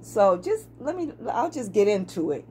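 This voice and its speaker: A woman telling a personal story in a chatty, animated way, often repeating and restarting her words. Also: medium pitch, normal speed, a little hiss or hum. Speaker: vlogger. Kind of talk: casual storytelling to camera.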